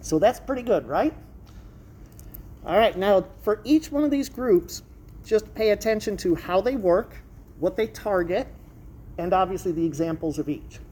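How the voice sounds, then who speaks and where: Woman lecturing through a face mask, mellow. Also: medium pitch, expressive, moderate pace. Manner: explanatory, checks understanding with questions. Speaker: college lecturer. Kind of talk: classroom lecture on microbiology. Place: classroom in front of students. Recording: noisy live classroom recording.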